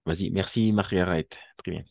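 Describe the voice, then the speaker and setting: A man teaching a French class, explaining pronunciation patiently, modeling words slowly and often checking that students follow. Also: deep voice, steady tone, gravelly, a little mellow, dry recording.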